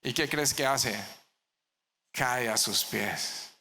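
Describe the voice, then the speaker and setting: Bright-voiced pastor preaching in a hall. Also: male voice, medium pitch, slow pace, slight background noise. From Mexico. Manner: asks the congregation questions, answers them himself. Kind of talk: verse-by-verse sermon. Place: church hall.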